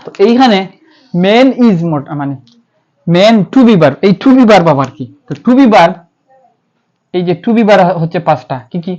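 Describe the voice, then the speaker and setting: A man with a Bangladeshi accent, his voice high-pitched, expressive, a little slow and darkish in tone, teaches English grammar lecture-style. He quizzes himself and supplies the answers, spelling words out letter by letter, on a slightly dull, lo-fi recording.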